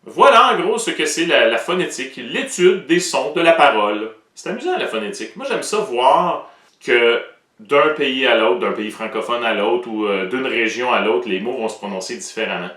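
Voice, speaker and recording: A man's voice: mid-range voice, animated, moderate pace, fairly bright tone, reverberant, far from the mic. A man with a Québécois French accent, explaining pronunciation in a playful, joking way as the presenter of an educational show.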